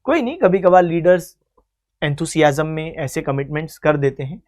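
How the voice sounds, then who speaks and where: A history teacher leads an online exam-coaching lecture, working through quiz questions one after another. The teacher explains each answer like a story, calls the students "beta" and mixes English terms into the talk. The voice sits at a middle pitch. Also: lively intonation, normal speed, darkish tone.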